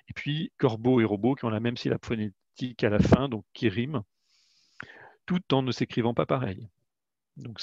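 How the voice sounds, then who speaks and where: Hesitant man with a gravelly voice. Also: fairly low pitch, dry recording. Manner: hesitant, frequent "euh" fillers and restarts. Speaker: educational game creator presenting. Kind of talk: webinar product presentation. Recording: dull lo-fi webinar audio, dry.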